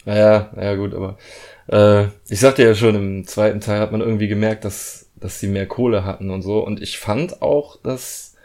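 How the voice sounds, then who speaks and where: A man's voice: fairly low pitch, steady tone, moderate pace, darkish tone. A man hosting a casual film discussion, talking in a rambling, hesitant way and laughing at his own jokes.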